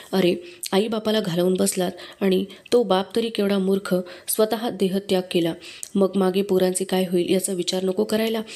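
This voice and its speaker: A woman's voice: mid-range voice, darkish tone, close to an everyday voice. A woman voicing a harsh, contemptuous older village man who scolds a boy.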